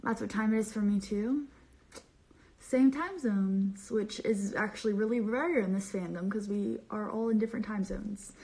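In a small bedroom, a young woman streams live as a social media creator, bubbly and playful as she rambles through viewer comments with plenty of slang. Her voice is mid-range, dark and moderately paced, and the phone camera at arm's length gives a rough recording.

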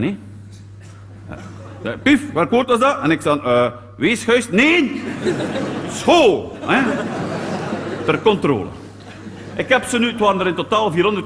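Lively Flemish man doing stand-up. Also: fairly high pitch, a little hiss or hum. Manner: animated and digressive, peppers talk with tag questions. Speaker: schoolteacher character on stage. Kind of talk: stand-up comedy monologue.

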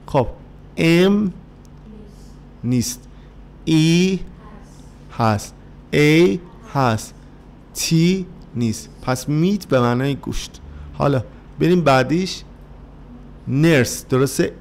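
Gravelly man drilling English letters. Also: a little high, slight background noise. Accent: Persian. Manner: slow drilling, spelling out letters one by one. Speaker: English teacher. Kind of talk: workbook lesson for children.

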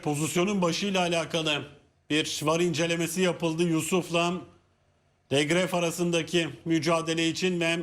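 A man with a notably high-pitched voice calls a football match live. He follows the play move by move as a commentator and raises his voice excitedly for goals.

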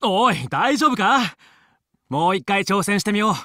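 A man playing a young, confident fox space pilot and team leader in a video game, brisk, determined and commanding yet friendly. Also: sits high, sing-song, sharp tone, dry recording, studio quality, heavily acted. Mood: focused, confident. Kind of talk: Japanese video game voice acting.

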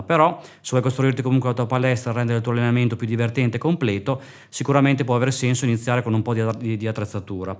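A young man, a personal trainer, explaining home gym equipment straight to camera in a bright studio, gesturing as he talks. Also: medium pitch. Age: young adult. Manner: brisk, explanatory, gestures with hand. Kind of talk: direct-to-camera fitness tutorial.

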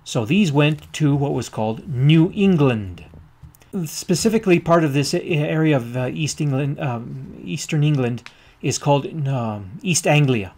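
A man giving a geography lecture over maps, speaking haltingly with many ums and uhs as he marks things with a pen. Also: on the high side, lively intonation, a little mellow.

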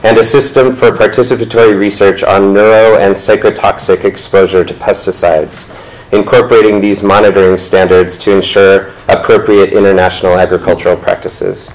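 A man in his thirties moderates a talk in an indoor lecture room, reading the panelists' introductions from his notes. His voice is low and flat, and he speaks at a moderate pace, sometimes stumbling over words and correcting himself. The recording quality is low.

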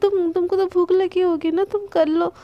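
A woman's voice: very high voice, steady tone, a little slow, dull audio. A woman voicing a flustered young woman who stammers and repeats her words in an audio love story.

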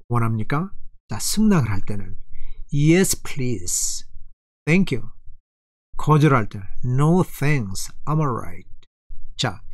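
A man teaching English phrases in an unhurried, deliberate lesson, at a middling pitch. He reads each example slowly and carefully and checks understanding with quick prompts. The sound is dry and close, with no room around it. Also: dry recording.

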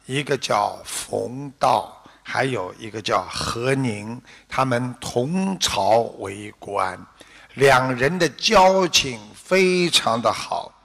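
A man with a Shanghainese-accented Mandarin, giving a deliberate, unhurried Buddhist dharma talk with a parable in a hall. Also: mid-range voice, lively intonation, vocal fry, a bit bright. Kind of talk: slow measured sermon with parable.

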